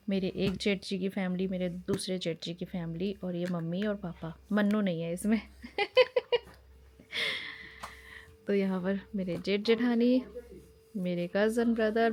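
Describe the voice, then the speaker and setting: Woman in her thirties, mid-pitched, lively casual vlog narration. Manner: chatty, animated storytelling. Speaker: family vlogger. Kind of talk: casual chat while showing wedding album.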